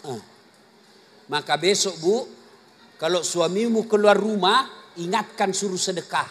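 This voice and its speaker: A man's voice: high-pitched, a little slow. A man preacher, giving a jokey, teasing sermon to a live congregation. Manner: jokey, teasing, switches between quiet asides and shouted punchlines. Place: large hall or mosque, live audience. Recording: live hall with long reverb, faint crowd ambience.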